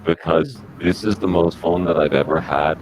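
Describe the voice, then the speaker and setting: A man speaking through a disguised deep voice as a podcast guest, giving rambling, halting answers. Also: noisy background. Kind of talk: comic podcast interview.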